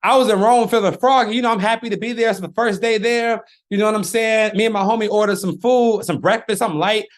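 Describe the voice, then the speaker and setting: A man's voice: high voice, steady tone, quick pace, few pauses. A man co-hosting a podcast, telling stories in a laid-back way and saying "bro" a lot. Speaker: podcast co-host. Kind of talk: casual podcast chat.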